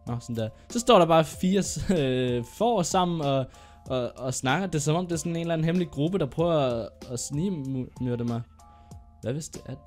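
Young male gaming host, a bit sick with a sore throat, chatty and excitable, narrates every move in a fairly high voice. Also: soft background music. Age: young adult. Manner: excitable, chatty, narrating his own moves. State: sore throat, coughing now and then. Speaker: gaming YouTuber. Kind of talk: gameplay commentary.

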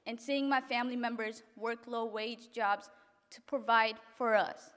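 High-voiced young woman reading a speech. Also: steady tone, fairly bright tone. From Africa. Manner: earnest, reading from notes, halting restarts. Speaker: graduate giving a speech. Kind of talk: reading a prepared graduation speech. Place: event hall, indoors. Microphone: podium microphone. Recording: reverberant hall.

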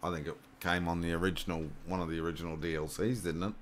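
A man's voice: low-pitched, flat delivery, fast. A man from Australia with a mild Australian accent, chatting in an easygoing way while playing a hunting game. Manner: easygoing, laughs along. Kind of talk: casual gaming chat.

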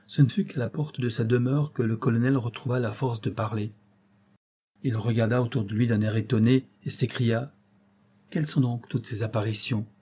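Dark, husky male audiobook narrator. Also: mid-range voice. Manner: measured, expressive storytelling.

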